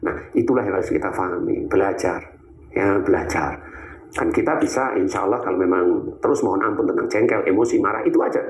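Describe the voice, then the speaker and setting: A man's voice: sits low, fast talker. A man giving an Islamic religious talk, answering questions in a teasing way with many rhetorical questions. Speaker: Islamic preacher. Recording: echoey room.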